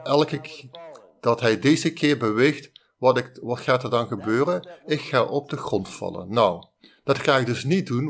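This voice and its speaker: A man preaching a sermon, telling a story slowly and deliberately with frequent restarts. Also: medium pitch. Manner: slow, deliberate, halting with restarts.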